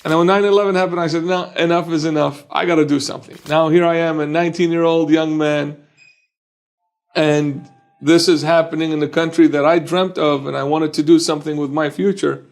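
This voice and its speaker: A man in his forties from Iraq, a personal injury attorney telling his life story as a podcast guest in an earnest, measured way. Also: a little high, level tone.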